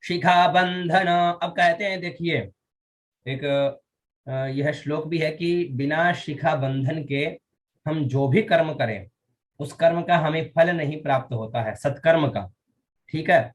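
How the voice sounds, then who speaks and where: A man teaching a Vedic ritual class, explaining rites and chanting mantras slowly, syllable by syllable, and often asking his students if they follow. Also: on the high side, a little hiss or hum. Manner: often checks with students, asking "all right?".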